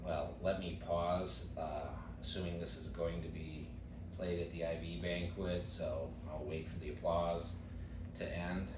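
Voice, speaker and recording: Older male teacher, deep voice, bone-dry sarcasm, echoey far-off recording with noise. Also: unhurried. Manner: dry deadpan humor. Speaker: retiring teacher. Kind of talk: deadpan sarcastic interview answers. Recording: roomy sound, mic at a distance, background noise.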